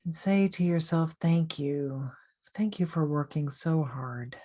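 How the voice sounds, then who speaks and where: Low-voiced woman coach, slow soothing guided meditation, gentle and inviting.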